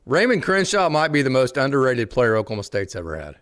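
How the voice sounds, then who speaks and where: A man's voice: medium pitch, big pitch swings, quick pace, a bit bright. A man hosting a casual sports talk show, asking his co-host questions and adding short agreements.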